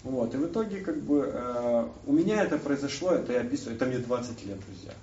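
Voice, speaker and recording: A man's voice: medium pitch, expressive, warm tone, slight background noise. Man telling his story in an echoey hall. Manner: halting, searching for words, many restarts. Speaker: recovery speaker sharing his story. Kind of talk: personal testimony to a group. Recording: distant roomy hall mic, dull.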